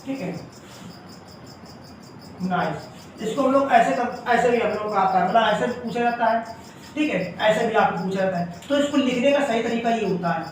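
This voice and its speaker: A man's voice: extremely high pitch, a little fast, a little hiss or hum. A man teaching a grammar lesson in a classroom style, explaining step by step and often checking in with the class. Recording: echoey room, voice from far off.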